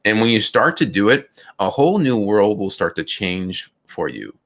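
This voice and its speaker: Male co-host, middle-aged, low voice, earnest and reflective self-help chat. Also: big pitch swings, moderate pace, a bit bright. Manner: earnest, reflective, with frequent restarts. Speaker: podcast co-host.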